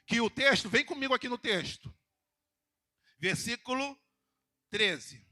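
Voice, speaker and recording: Bright-voiced Brazilian man preaching. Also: extremely high pitch, lively intonation, a little slow, dry recording, studio quality. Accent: Brazilian Portuguese. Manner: rising to emphatic calls, then dropping to soft quoted words; asks the congregation questions. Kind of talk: sermon.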